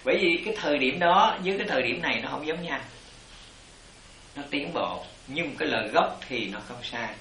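A man's voice: fairly high pitch, animated, fairly quick, reverberant, crowd noise, low-quality recording. A man teaching as a Buddhist master, explaining to his disciples in a rambling, repetitive way. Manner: rambling explanations, repeats "it" constantly. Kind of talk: dharma talk answering disciples.

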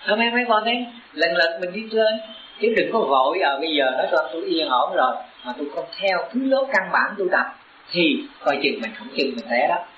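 A man's voice: a little high, lively intonation, a little fast. A Buddhist teacher, preaching to his disciples in an earnest, exhorting tone that climbs into urgent emphasis. The recording is roomy and echoing. It also sounds dull and lo-fi. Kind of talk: sermon to disciples.

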